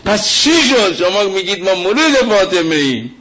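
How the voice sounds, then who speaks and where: A male cleric delivering a fiery religious sermon, impassioned and quoting scripture, rising to shouts. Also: sits high, very animated. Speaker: cleric preacher. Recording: dull lo-fi sound with faint noise.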